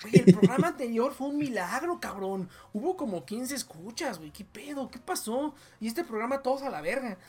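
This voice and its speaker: A man's voice: very high-pitched, expressive, fairly quick, hardly any pauses, mellow, husky. Man, podcast host, slangy and profane, casual joking banter. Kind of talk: casual chat.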